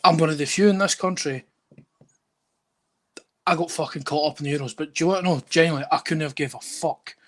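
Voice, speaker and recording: Man, fairly high voice, blunt, swears a lot, casual football podcast host. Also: quick pace, pauses often, a bit bright, a little hiss or hum. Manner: blunt, heavy swearing, opinionated.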